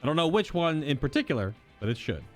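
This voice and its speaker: A man's voice: fairly high pitch, big pitch swings, fast, faint music behind. A man giving casual commentary as he plays through a game. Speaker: game streamer.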